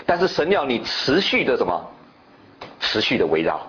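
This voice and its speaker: A male preacher giving a sermon in an animated way, peppering his listeners with rhetorical questions, on a dull lo-fi recording. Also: medium pitch, moderate pace. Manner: animated, quizzing the congregation with repeated rhetorical questions.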